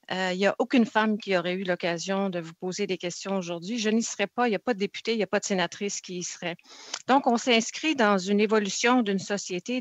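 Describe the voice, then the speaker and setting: A woman senator posing long, deliberate questions at a formal hearing over a video call. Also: medium pitch. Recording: dull lo-fi video call audio.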